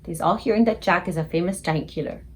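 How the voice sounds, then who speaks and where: A woman's voice: on the low side, fast talker, darkish tone, a little hiss or hum, natural voice. A woman voicing a kindly old male giant who whispers in quaint, broken grammar. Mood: hushed.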